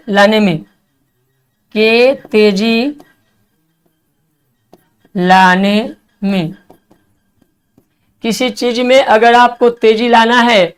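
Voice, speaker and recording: Man, classroom English-vocab teacher, clear smooth voice, spells words out, coaxing. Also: very high voice. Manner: spells words letter by letter, coaxing students to write fast.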